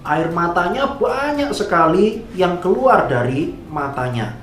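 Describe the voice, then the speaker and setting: A man teaching Sunday school, telling a story slowly and animatedly to children. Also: sits high, very animated, a bit bright, a little hiss or hum. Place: church room. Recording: echoey room.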